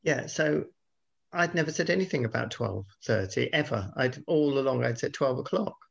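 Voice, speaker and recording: A man's voice: medium pitch, lively intonation, normal speed, creaky, husky, dull audio. A British man hosting a podcast, telling his side of a petty dispute in an exasperated, sweary, interrupting way. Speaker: podcast host. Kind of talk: casual bickering storytelling.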